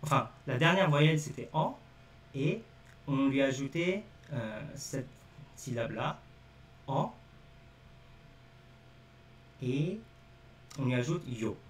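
A man's voice: medium pitch, expressive, measured pace, pauses often, distant mic, a little hiss or hum. A man teaching a live-streamed lesson, explaining step by step and repeating key points straight to his viewers. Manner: repetitive step-by-step explaining, addresses viewers directly. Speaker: language teacher. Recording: echoey room, speaking away from the mic.

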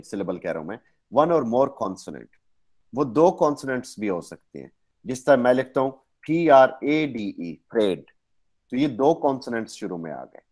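In an online class, a Pakistani-accented man with a medium-pitched, slightly mellow voice lectures methodically, walking through each step and fixing his own slips along the way.

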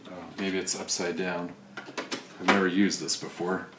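A man's voice: deep voice, flat delivery, unhurried. A man thinking aloud with wry asides while unboxing items on camera. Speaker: video creator unboxing items. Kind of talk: casual unboxing commentary. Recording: roomy echo, faint background noise.

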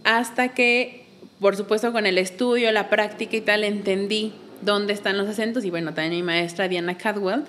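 A woman's voice: mid-range voice, fairly even intonation, moderate pace, a bit bright, slight background noise. A woman, a belly dance teacher, explaining patiently in a casual interview and counting beats aloud.

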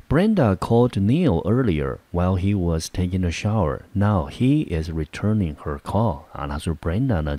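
Deep-voiced man teaching English words. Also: mellow. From Taiwan. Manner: slow careful word-by-word pronunciation. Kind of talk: vocabulary lesson.

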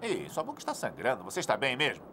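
A man's voice: medium pitch, huge pitch swings, quick pace, a bit bright, a little hiss or hum. A man dubbing a film role, playing a friendly townsman who sounds concerned. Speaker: dubbed film actor.

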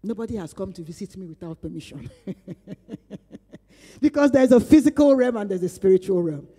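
Woman pastor with a warm, mellow tone leading an informal Bible study, earnest and emphatic, heard in a church hall with a long echo. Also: mid-range voice, lively intonation, moderate pace, husky. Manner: earnest, emphatic repetition, retells her prayers. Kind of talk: conversational Bible study teaching.

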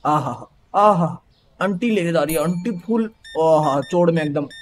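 A man's voice: fairly high pitch, normal speed, darkish tone, a little hiss or hum. A young man from India commentating a game in a casual, playful way, teasing the characters on screen. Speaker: gaming YouTuber.

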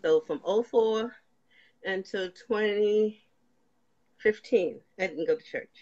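A woman's voice: medium pitch, slow pace, a little mellow. An older woman giving a personal faith testimony as a guest, telling her story and acting out past conversations. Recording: slightly dull lo-fi sound.

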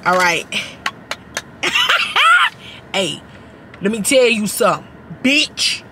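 A woman's voice: medium pitch, bright, forceful tone. A young woman giving a brash, exaggerated, profanity-heavy comedic reaction in a casual vlog, recorded inside a car. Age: young adult. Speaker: vlogger doing a taste-test reaction. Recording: background noise inside a car.

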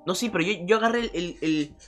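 A man commenting casually on a game he is playing, excitable, repeating words in quick bursts and yelling when startled. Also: high voice, soft background music. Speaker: gaming streamer.

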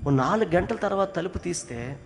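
A man tells an emotional moral story, swinging between loud emphasis and hushed narration. His voice sits fairly high. It echoes with the long reverb of a large hall. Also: animated, brisk, vocal fry, slight background noise. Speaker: speaker telling a moral story.

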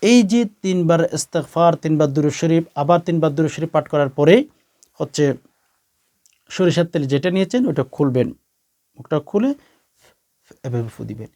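A man with a Bangladeshi accent, giving a religious instruction talk as a preacher, with emphatic rising bursts and slow, drawn-out recitation. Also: on the high side, warm tone. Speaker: Islamic preacher.

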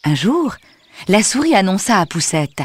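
A woman narrating a children's storybook in a gentle, expressive reading. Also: medium pitch, normal speed, husky, dry recording. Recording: music under the voice. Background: soft music.

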